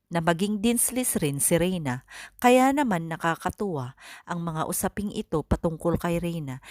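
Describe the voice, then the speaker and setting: A Filipina woman hosting an update vlog, narrating with upbeat, news-style delivery and bright exclamations. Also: on the low side, no room sound, studio quality. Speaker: channel host giving updates.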